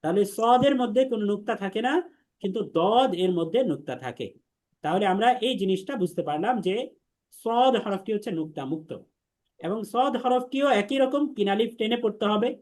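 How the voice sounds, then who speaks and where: A man's voice: high voice, animated, darkish tone. Patient male Arabic-letters teacher. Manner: patient, repeats letter sounds slowly and drills the class. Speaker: Quran teacher. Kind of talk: online class instruction.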